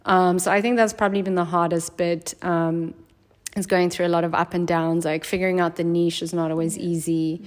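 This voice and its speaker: This is a woman hosting a podcast and chatting with her guest. She is encouraging and loose, with plenty of fillers. Her voice sits somewhat low for a woman. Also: level tone, brisk. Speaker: podcast host. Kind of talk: casual interview chat.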